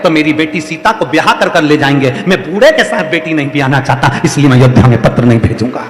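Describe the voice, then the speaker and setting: A man voicing an anxious old king who keeps repeating his worry about his daughter's marriage, in a hurried, insistent way. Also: fairly high pitch, pitched below the performer's own voice, natural voice. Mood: fretful. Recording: echoey hall reverb.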